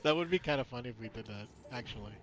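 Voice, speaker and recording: A man's voice: medium pitch, expressive, very fast. A young man co-hosting a let's play, laughing often and playfully incredulous. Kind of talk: casual gaming banter.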